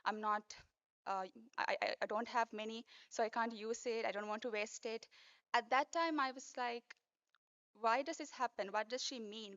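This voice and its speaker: Higher-pitched young Sri Lankan woman giving a speech. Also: a bit bright, dull audio. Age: 20s. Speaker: pageant finalist. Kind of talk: prepared pageant speech.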